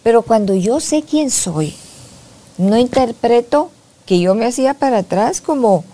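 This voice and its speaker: Soft-spoken reflective woman, mellow voice. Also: on the high side, lively intonation, measured pace. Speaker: psychologist guest. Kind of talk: casual podcast conversation.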